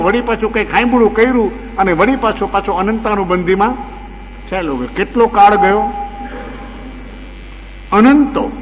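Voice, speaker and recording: High-voiced preacher in a hall. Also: male voice, a bit bright. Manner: rhetorical questions, repetitive emphatic phrasing. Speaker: spiritual preacher. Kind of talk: religious discourse with a parable. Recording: long hall reverb, faint mains hum.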